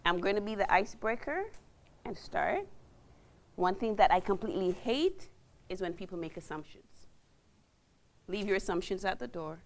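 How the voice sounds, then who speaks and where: A woman leading a group workshop, coaxing people to speak with playful teasing. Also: mid-range voice. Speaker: workshop facilitator. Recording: noisy room recording.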